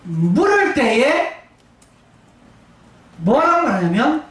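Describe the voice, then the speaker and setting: High, lively woman preaching in an echoing church. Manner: call-and-response with congregation, drawn-out emphatic phrases. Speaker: pastor. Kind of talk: sermon. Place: church sanctuary. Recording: very echoey church hall, distant mic, faint room noise.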